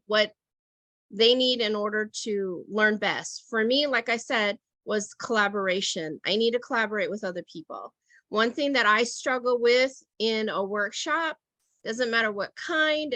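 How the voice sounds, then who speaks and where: A woman's voice: mid-range voice, sharp tone, dry recording. A middle-aged woman leading an online teacher workshop over a video call, talking reflectively and checking in with "right?" and "okay?".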